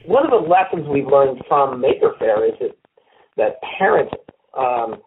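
Halting man on a tinny phone line. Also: medium pitch, very animated, gravelly, slight background noise. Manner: halting, many fillers and restarts. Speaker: interviewee, company executive. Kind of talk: recorded phone interview.

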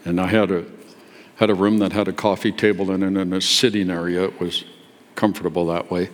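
A man's voice: sits low, level tone, brisk, big-room sound. An older man preaching as a guest in church, telling a story in a folksy, confessional way with asides, his sinuses stuffed up. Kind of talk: sermon storytelling. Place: church sanctuary.

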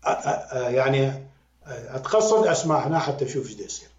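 A man with an Iraqi accent, a music critic and podcast guest, talking in an animated, emphatic way and repeating words to drive his point home. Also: mid-range voice, rapid-fire. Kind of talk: conversational critique. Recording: roomy, dull lo-fi sound.

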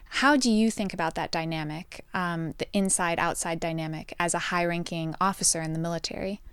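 A woman's voice: fairly low pitch, a little fast, clear, resonant tone, no echo. A woman in her thirties from Virginia, hosting an interview and asking reflective, thoughtful questions. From Virginia, United States. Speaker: podcast host, interviewer. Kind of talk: conversational interview.

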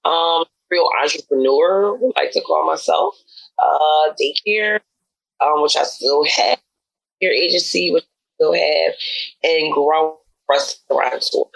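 A middle-aged woman on a video call whose audio clips and distorts on louder words. Her voice is gravelly and husky, in a close, dry sound. She answers in halting, list-like bursts, with plenty of "um"s. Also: deep voice, no echo. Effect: clipping, distorted mic audio. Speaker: restaurant owner, guest. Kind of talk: casual interview answers.

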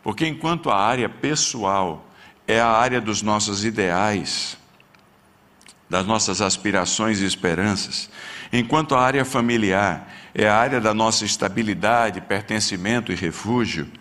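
A pastor, preaching a sermon and telling a personal story with strong feeling. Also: male voice, measured pace, fairly bright tone. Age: 60s. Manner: emotional storytelling, voice rising in pitch at peaks.

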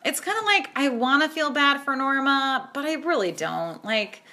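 A woman's voice: high voice, animated, normal speed, pushed and bright. A woman co-hosting a podcast, chatting casually and animatedly with plenty of "like". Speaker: podcast co-host. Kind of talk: casual chat.

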